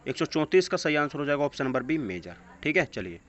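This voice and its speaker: Very animated and talking fast, a man with a slightly high, fairly bright voice coaches students for an exam by reading out questions and answers. He mixes English phrases into his teaching, and the dull, lo-fi recording carries obvious background noise.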